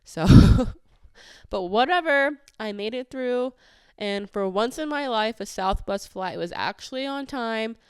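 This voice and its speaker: A woman's voice: fairly high pitch, lively intonation, a little slow, a little mellow, clean tone, no echo, studio quality. A woman hosting a podcast, telling a travel story in a casual, chatty way with lots of "like"s and an exasperated edge. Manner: chatty, many filler "like"s, exasperated retelling. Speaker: podcast host.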